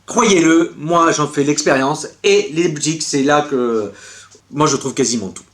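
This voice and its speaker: A man's voice: fairly high pitch, a little slow, a bit bright. A man ranting in a casual vlog, exasperated and repeating his words. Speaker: collector vlogger.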